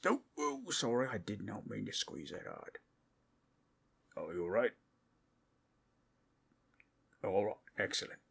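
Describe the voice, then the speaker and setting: A man voicing a boastful, friendly ork masseur in an ASMR role-play, with a rough, husky voice and a folksy, rambling way of talking. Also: lowish voice, expressive, moderate pace, a bit bright, heavily acted. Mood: apologetic, concerned. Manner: folksy, rambling, boastful fantasy-brute talk with rustic grammar.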